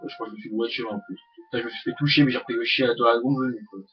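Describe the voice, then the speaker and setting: A man's voice: mid-range voice, racing, slight background noise. Rambling young man narrating gameplay. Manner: rambling, hesitant, swears at the game. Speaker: let's play host. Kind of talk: casual gameplay commentary. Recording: dull lo-fi mic with game music.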